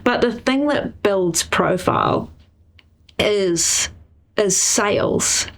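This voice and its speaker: A woman's voice: mid-range voice, animated, drawn-out words, creaky. A woman with a New Zealand accent explaining things in a podcast interview, often posing questions and checking with "right?". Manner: explanatory, uses rhetorical questions and tag "right?". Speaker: interviewee, real estate industry chief executive.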